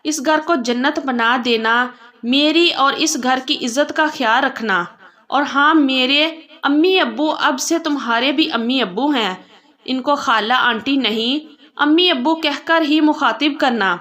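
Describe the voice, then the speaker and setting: A woman's voice: sits high, bright, forceful tone. A woman reading the lines of a young husband in a spoken story, in her own voice. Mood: affectionate. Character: young husband, direct and teasing.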